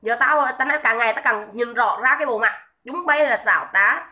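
A woman's voice: fairly high pitch, a little fast, bright, forceful tone. A woman, ranting on a livestream in a scolding, indignant, repetitive way and greeting viewers between tirades. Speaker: livestream commentator. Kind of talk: livestream rant.

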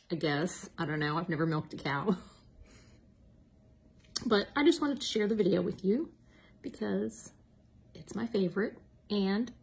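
A middle-aged woman with a fairly low, slightly rough voice chats casually as a diet coach in a cooking vlog. She pokes fun at herself and sometimes drops to a whisper.

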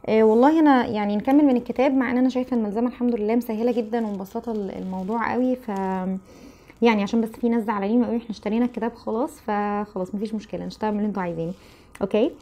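A young adult woman teaching an English vocabulary lesson in Egyptian Arabic, drilling words slowly syllable by syllable between quick explanations. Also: fairly high pitch, dull audio.

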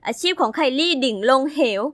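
A young woman narrating her own animated story as its heroine, chatty, dramatic and confiding. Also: brisk, dry recording, studio quality, lightly acted.

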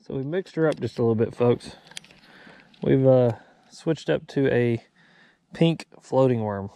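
A man hosting a casual fishing vlog from a bass boat on a lake, chatting and joking with viewers. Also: a little slow, gravelly, dark tone. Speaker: fishing channel host.

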